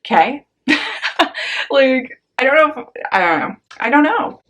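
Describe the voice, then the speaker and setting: A young woman casually chatting about a book haul on her vlog, slangy and upbeat, with quick asides. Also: high-pitched, expressive, a bit bright, highs cut off. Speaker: book vlogger.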